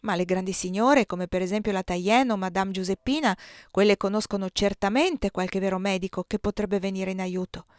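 A woman reading the part of a calm, frank housemaid, speaking slowly and plainly in a dry recording. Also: mid-range voice, no room sound, natural voice.

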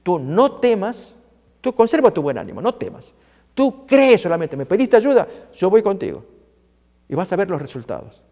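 Brief: preacher playing a calm, slow Jesus who comforts a frightened father. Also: sits high, long reverb tail. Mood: reassuring. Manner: slow, deliberate, comforting commands.

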